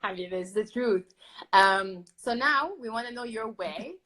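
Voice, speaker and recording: A woman's voice: mid-range voice, measured pace, bright, forceful tone, low-quality recording. A woman hosting an online talk series over a video call, enthusiastic, with frequent "literally" and "uh". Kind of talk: interview host chat.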